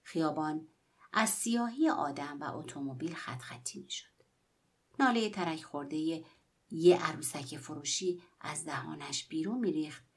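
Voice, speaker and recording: A woman reading a literary story aloud in a hushed, whispery narrating voice. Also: low-pitched, slightly rough. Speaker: story reader.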